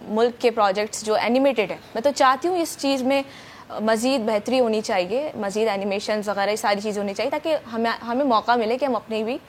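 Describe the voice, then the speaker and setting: A woman's voice: on the high side, a little hiss or hum. A young woman from Pakistan, a voice-over artist, chatting eagerly in a morning show interview with many fillers. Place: TV studio.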